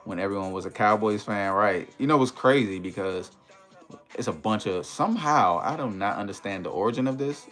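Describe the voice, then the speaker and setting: An American man from the Maryland and Washington DC area hosts a casual livestream, chatting with viewers in slangy, conversational phrases and tags like "you know." His voice is lowish and a bit bright, and he talks a little fast.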